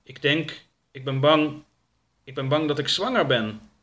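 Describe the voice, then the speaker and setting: A man's voice: a little high, unhurried, a bit bright, voice pushed up. A man voicing a frightened, shy young woman in a storybook reading, hesitant and anxious.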